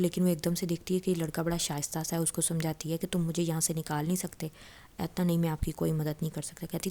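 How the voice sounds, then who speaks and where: Woman storyteller, low and mellow, even delivery, casual retelling with fillers. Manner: conversational, loosely paraphrases dialogue with frequent fillers and restarts.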